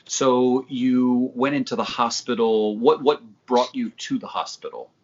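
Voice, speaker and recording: A man's voice: mid-range voice, a little slow. A man conducting an interview, laying out background and asking questions. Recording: dull lo-fi audio.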